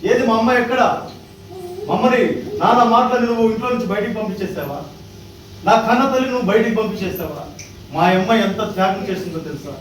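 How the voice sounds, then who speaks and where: Man doing a devoted son, church skit, high voice, fast, declaiming, far from the mic, booming echo. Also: expressive. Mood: outraged. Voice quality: emotional, declamatory. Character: devoted son, pleading then outraged. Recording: echoey hall from far off, noisy.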